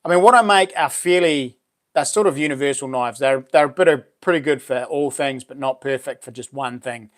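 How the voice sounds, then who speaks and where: A man's voice: medium pitch, a little fast. A man in his late forties with a broad New Zealand accent, chatting casually to livestream viewers in laid-back, blokey slang. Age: late 40s. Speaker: livestream host. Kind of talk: casual live chat with viewers.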